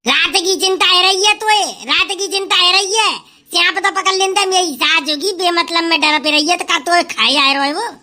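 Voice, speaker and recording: A very high, bright woman's voice. She performs a village comedy sketch, loud, shrill and bantering. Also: normal speed.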